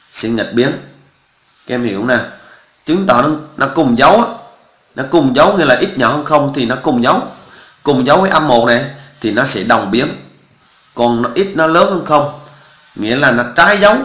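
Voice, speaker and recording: A male math teacher with a medium-pitched, bright, forceful voice leads an exam walkthrough lesson, going through answers step by step. He often checks that students are following, and the audio is poor with an echoey room.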